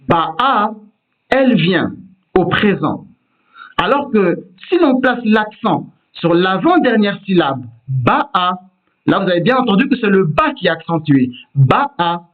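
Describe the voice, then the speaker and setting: A man giving a patient, explanatory lesson on Hebrew word stress, demonstrating each pronunciation himself. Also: sits high. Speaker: Hebrew teacher. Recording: tinny phone-like sound.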